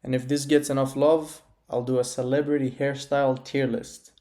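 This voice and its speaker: A young man from Iraq talks through a ranking of men's haircuts in a loose, frank way, scattering "like" and "you know" through his sentences. His voice is dark and mellow, sitting at an average male pitch. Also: level tone, moderate pace. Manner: casual, frank, heavy use of "like" and "you know". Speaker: men's grooming YouTuber. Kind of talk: casual tier-list commentary.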